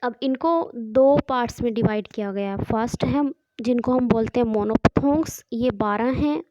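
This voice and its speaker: A woman's voice: fairly high pitch, normal speed, a little mellow, no room sound, muffled recording. A woman teaching English sounds, with an Indian English accent, explaining patiently step by step and repeating key points. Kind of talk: classroom lesson explanation.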